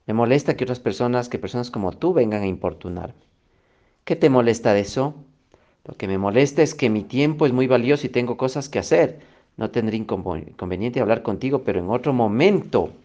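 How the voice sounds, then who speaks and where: A man's voice: medium pitch, animated, a little fast, mellow, close to an everyday voice. A man acting out an irritated, busy man who complains insistently, on a slightly dull recording.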